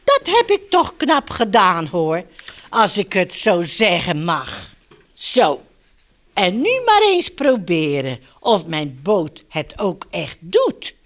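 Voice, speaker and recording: A proud, handy bear who builds his own boat speaks in a lowered storybook voice, as a woman reading aloud puts him on. His pitch dips and jumps a lot, and he talks at an unhurried pace. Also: huge pitch swings, exaggerated voice. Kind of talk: storybook read-aloud acting.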